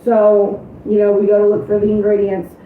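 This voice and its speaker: A woman's voice: medium pitch, monotone, moderate pace, slight background noise. A woman player telling a tabletop game story in casual, emotional chat, swearing often. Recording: distant echoey tinny lo-fi audio.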